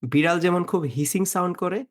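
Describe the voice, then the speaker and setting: A man teaching a beginner German lesson, patiently explaining and slowly repeating example words. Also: high-pitched, fairly even intonation.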